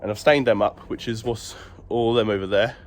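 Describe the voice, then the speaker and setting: Recorded outdoors with a phone camera, a DIY vlogger chats casually about his garden build, explaining each step. The man's voice is lowish, his intonation fairly even and his pace fairly quick. He sounds congested, as if his nose is blocked, and there's slight background noise.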